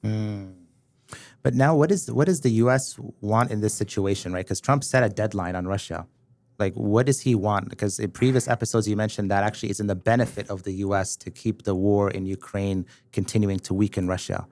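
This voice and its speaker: A man's voice: fairly low pitch, a little fast, darkish tone, no room sound. A man hosting a casual political discussion, asking curious, probing questions. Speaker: host.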